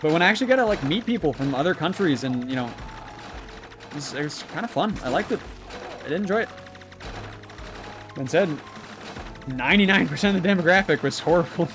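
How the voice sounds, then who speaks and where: A man's voice: a little high, animated, fairly quick, pauses often, music in the background. Rambling man chatting on a game stream. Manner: rambling, chuckles often, many fillers and restarts. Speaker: livestreamer. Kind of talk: casual livestream chat while gaming.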